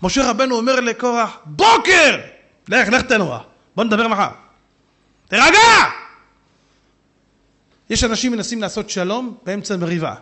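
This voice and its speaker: A rabbi preaching a humorous sermon, talking straight to his listeners and jumping into shouted asides. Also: high-pitched. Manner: animated, jumps into shouted asides and quick put-on voices; humorous, talks straight to the audience. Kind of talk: sermon with storytelling. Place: synagogue hall.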